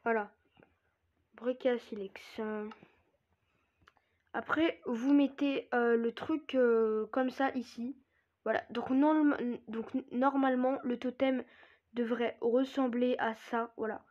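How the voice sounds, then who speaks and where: High-voiced woman, hesitant, lo-fi sound. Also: steady tone, takes it slowly. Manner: hesitant with many fillers and swearing. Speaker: gaming YouTuber. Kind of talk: casual gameplay tutorial commentary. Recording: dull lo-fi recording.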